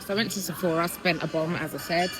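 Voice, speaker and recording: A woman's voice: lowish voice, steady tone, quick pace, over music. A woman in her thirties chatting candidly and upbeat in a casual vlog. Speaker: vlogger. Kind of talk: casual vlog chat to camera. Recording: noisy background.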